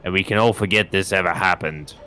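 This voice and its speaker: A man voicing an eloquent, smooth-talking male thief in a video game, measured and formal, pitched below his usual voice. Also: pushed and bright.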